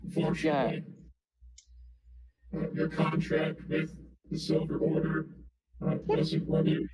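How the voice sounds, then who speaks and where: A man voicing a cold, bureaucratic divine overseer in a flat robot voice during a tabletop roleplay. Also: on the high side, a little slow, reverberant, pitched above the performer's own voice, poor audio. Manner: flat monotone, formal apologetic phrasing.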